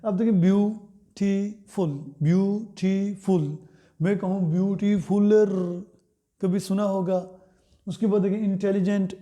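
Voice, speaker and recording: A man teaching English grammar in Hindi, pronouncing example words slowly and putting questions to his students that he answers himself. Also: high voice, warm tone. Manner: slow, drawn-out words, asks and answers his own questions. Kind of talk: Hindi-language grammar lesson.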